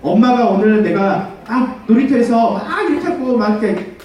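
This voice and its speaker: A man giving a children's sermon as pastor, animated and full of questions for the kids, leading them in call-and-response. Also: very high voice, moderate pace. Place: church hall. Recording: echoey church hall, far from mic.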